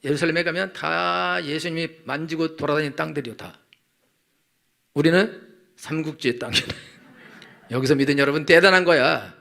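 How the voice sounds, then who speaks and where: A man's voice: a little high, moderate pace, vocal fry, pauses often, sharp tone. A male pastor giving an Easter sermon, preaching emphatically, calling out hallelujahs and praying aloud. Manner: emphatic preaching with repeated hallelujahs and voiced prayers. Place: church sanctuary.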